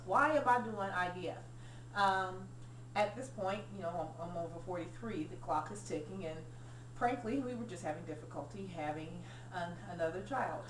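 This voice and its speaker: A woman's voice: on the low side, reverberant, distant mic, slight background noise, rough recording. A woman, a nurse talking earnestly through a personal video diary with frequent ums. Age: 40s. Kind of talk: casual personal vlog.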